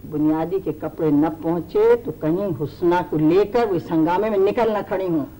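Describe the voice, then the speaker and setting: An actress playing an anxious, genteel household matriarch who frets and bickers, in an old TV drama. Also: female voice, lowish voice, normal speed, mellow, lightly acted, rough recording. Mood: fretful. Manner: fretful and bickering. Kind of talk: 1980s TV drama acting. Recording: old TV drama audio, light noise.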